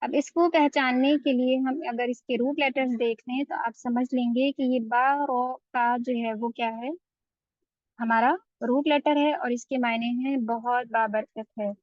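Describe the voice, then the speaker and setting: High-voiced woman teaching Quran recitation. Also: steady tone, measured pace, dry recording, dull audio. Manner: patient, explanatory, draws out recited words. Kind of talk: online tajweed lesson.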